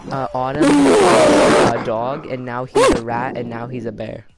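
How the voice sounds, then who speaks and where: Excitable streamer man over loud noise. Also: mid-range voice. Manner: excitable, joking, quick to laugh. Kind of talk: casual gaming banter.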